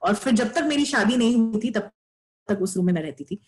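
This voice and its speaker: A woman's voice: on the high side, animated, a little fast, darkish tone, low-quality recording. A young adult woman giving an earnest motivational talk, sharing a personal story and mixing English phrases into her speech.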